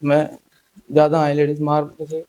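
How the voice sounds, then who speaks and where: A man's voice: fairly high pitch, completely flat delivery, measured pace, warm tone, rough recording. A young man doing a stand-up comedy set, chatty and teasing the crowd, acting out the people he quotes.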